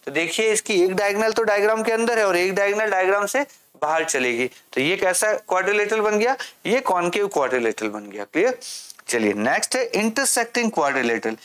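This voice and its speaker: A man's voice: high-pitched, animated, fairly bright tone. Man teaching maths, asking and answering. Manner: asks questions and answers them himself, slow English read-outs. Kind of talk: classroom lesson explanation.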